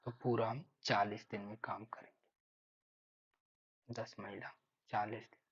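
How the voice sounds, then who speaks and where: A man with a lowish, creaky, husky voice teaches maths step by step for exam prep, speaking unhurriedly in a level tone. He thinks aloud and repeats key figures. The microphone sound is dull and lo-fi.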